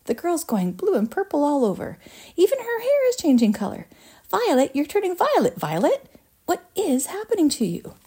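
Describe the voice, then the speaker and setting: A woman's voice: mid-range voice, wildly swooping pitch, a little slow, gravelly, mellow, breathy edge, heavily acted. A woman voicing an overbearing, panicking mother in a children's story, shrieking her exclamations. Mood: horrified. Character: shrill, panicking, overbearing mother of a young girl.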